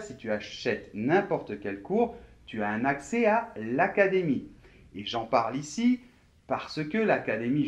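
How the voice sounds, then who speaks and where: A man from France teaching a video lesson, speaking slowly and clearly straight to the viewer. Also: mid-range voice, lo-fi sound. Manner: slow, clearly articulated teaching, addressing viewer directly. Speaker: French teacher.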